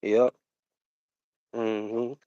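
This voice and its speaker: With a lowish voice and flat delivery, a livestream host rambles casually, dragging things out with fillers and "you know what I'm saying." The audio is dull and has no echo.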